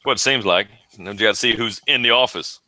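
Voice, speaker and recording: A man's voice: fairly low pitch, fast talker, pushed and bright, no room sound, rough recording. A man chatting casually and jokingly as a player in a tabletop game.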